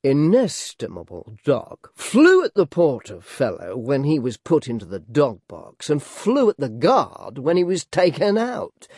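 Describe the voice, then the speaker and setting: A man reading aloud voices an extremely deliberate gentleman who speaks in slow, measured, drawn-out phrases. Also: on the high side, wildly swooping pitch, breathy edge, no echo, clean studio sound, heavily acted. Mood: drawling. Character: extremely deliberate gentleman, drawling a dog story.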